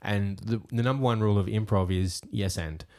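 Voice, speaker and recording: Man, low voice, casual podcast chat, blunt opinions, swears. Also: fairly even intonation, a little mellow. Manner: swearing, opinionated, quick to joke. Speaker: podcast co-host.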